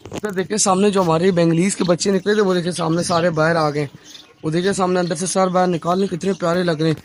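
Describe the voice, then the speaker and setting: Teen guy on his rooftop with his birds, high chatty voice, phone mic, birds chirping faintly. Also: slight background noise. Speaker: pet vlogger. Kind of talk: casual vlog. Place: rooftop with bird cages, outdoors.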